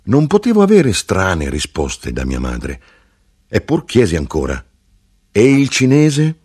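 A man reads literary prose aloud in a measured, expressive way. His voice sits low and husky, and it rises and falls dramatically from phrase to phrase. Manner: measured, expressive reading with wide pitch swings. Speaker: reader. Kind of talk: literary audiobook reading.

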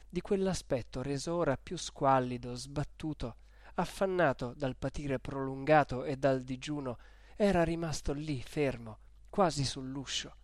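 A man's voice: mid-range voice, dry recording, clean studio sound. Man reading a classic novel aloud. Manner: measured, expressive reading. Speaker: audiobook reader. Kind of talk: scripted literary narration.

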